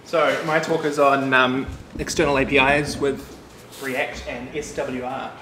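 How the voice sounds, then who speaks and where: A New Zealand developer in his thirties gives a casual technical talk at a meetup, his mid-pitched voice unhurried, relaxed and chatty, full of fillers and asides. He stands away from a room mic in a bright, loft-like office with an audience. The recording sounds distant and echoey, with background noise.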